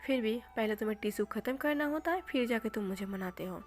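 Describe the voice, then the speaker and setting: A woman's voice: on the high side, lively intonation, fast talker, soft background music, close to an everyday voice. A woman voicing a heartbroken young man who whines and complains through tears to his best friend. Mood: whiny, tearful. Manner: whiny, sobbing complaints.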